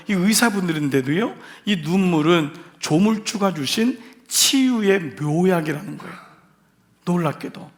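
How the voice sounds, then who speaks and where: A male senior pastor preaching an Easter sermon in a church, talking to the congregation in a conversational way with humor and rhetorical questions. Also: high-pitched. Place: church sanctuary.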